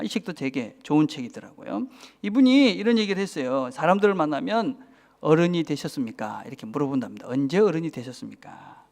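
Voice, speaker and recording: Pastor, male, 40s, Busan accent, expressive sermon voice that swoops up and down and checks in with the pews. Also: high voice. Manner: keeps asking the congregation for agreement, drops to a whisper for emphasis. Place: church.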